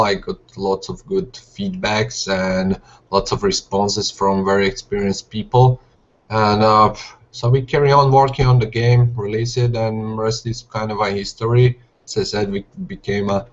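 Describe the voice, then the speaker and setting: Young game dev, low voice, halting with fillers, muffled webcam audio. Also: male voice. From Serbia, Slovak parents. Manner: hesitant, many "uh" fillers, non-native grammar. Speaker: game developer guest. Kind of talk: casual video call chat. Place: living room at home, indoors. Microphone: webcam video call. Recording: dull lo-fi video call audio.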